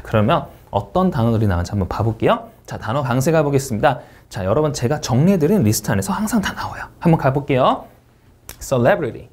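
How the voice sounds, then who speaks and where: A man teaching a Korean test-prep lecture on English pronunciation, modelling words slowly and coaching students directly. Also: mid-range voice, darkish tone. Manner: repeats and models English words slowly, rising and falling tones. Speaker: TOEIC Speaking instructor. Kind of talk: online exam-prep lecture.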